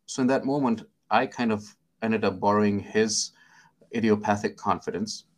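A middle-aged man from India with an Indian accent, a guest telling his story in an interview, halting and self-deprecating, with many fillers and restarts. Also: fairly low pitch. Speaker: guest, psychiatrist.

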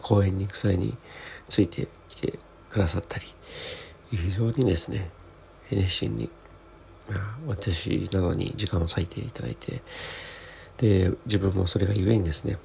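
A man keeping a spoken audio diary as a podcast host, talking in a hushed, whispery late-night voice so as not to wake anyone, in a humble and very polite way. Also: deep voice, creaky, a little hiss or hum. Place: small toilet room indoors.

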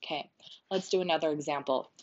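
A young adult woman talks straight to her listeners in a solo podcast, earnest and chatty, often leaning on fillers. Her voice sits a little low for a woman. The recording sounds slightly dull and lo-fi. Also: steady tone, quick pace. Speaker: podcast host.

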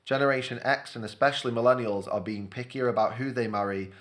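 A man's voice: medium pitch, steady tone, fast talker, a bit bright. A man, co-hosting a podcast with playful banter and reading news items aloud. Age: 20s. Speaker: podcast co-host.

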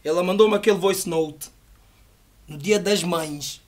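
A middle-aged man, a rapper being interviewed, tells stories casually in slang, animated and reflective, often adding short check-in phrases. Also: high-pitched, unhurried. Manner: animated, reflective, peppered with "yeah" and "estás a ver". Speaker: rapper interviewed about his albums. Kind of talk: casual conversational storytelling with slang.

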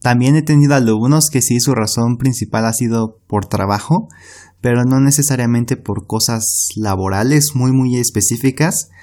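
A man co-hosting a Spanish-learning podcast as a teacher, explaining in a steady, agreeable way. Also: medium pitch, normal speed. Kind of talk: casual podcast conversation.

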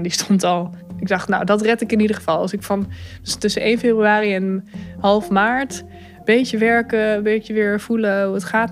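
Woman talking softly about her own experience, candid and reflective, faint guitar behind. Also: mid-range voice. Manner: thoughtful, candid, many fillers, soft laughs. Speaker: communications adviser telling her story. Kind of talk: personal account, reflective.

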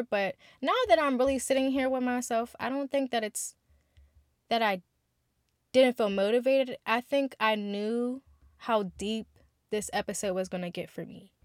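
Speaking directly to her listeners, a 21-year-old podcast host shares a candid, heartfelt, and chatty monologue in a casual style. Her voice sits on the high side, and the recording is clean studio sound with no echo.

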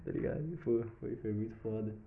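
A young man with a Brazilian accent telling a personal story in a casual, animated way, with sound effects and swearing. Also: lowish voice, quick pace, gravelly. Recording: slightly dull lo-fi recording.

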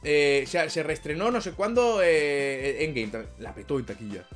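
A man's voice: on the high side, normal speed, soft background music. A man from Spain with a Spain Spanish accent, chatting casually to his viewers, swearing a lot and laughing at his own jokes. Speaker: video creator and streamer. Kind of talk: casual talk to camera.

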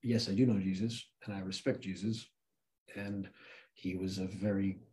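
His voice sits low and moves at normal speed as this American film worker from Santa Cruz, California, recounts a personal story in an interview. He stays casual and animated, acting out the things people said.

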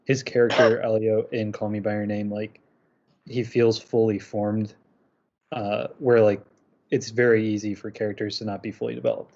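A young man hosts a casual podcast chat, leading the talk in a calm, measured way. His voice sits low and mellow, with little rise and fall. The audio sounds muffled and lo-fi. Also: vocal fry. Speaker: podcast host.

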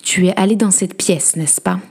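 A woman's voice: fairly low pitch, normal speed, a little mellow, breathy edge. A woman voicing a cruel, menacing nobleman husband who interrogates and snarls at his wife in a storybook reading.

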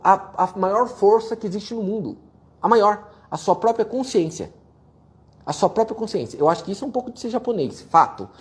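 Guy ranting motivation, swears a lot, high-ish voice that swings all over, mocks whiners. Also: animated, moderate pace. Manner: forceful, profane, mocks complainers in whiny voices. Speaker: motivational speaker answering viewer questions. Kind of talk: blunt motivational rant.

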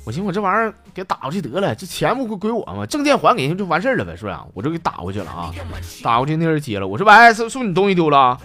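A man's voice: on the high side, sing-song, racing, a bit bright, soft background music. A man with a Northeastern Mandarin accent hosting a radio joke show, telling stories with teasing punchlines. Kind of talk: comic storytelling.

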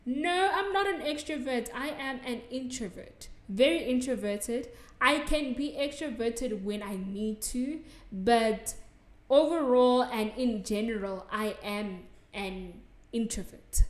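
In an echoey room, a young adult South African woman talks slowly, her pitch fairly high and her accent South African. She hosts a solo podcast addressing listener assumptions, chatting and giggling with lots of likes and ums.

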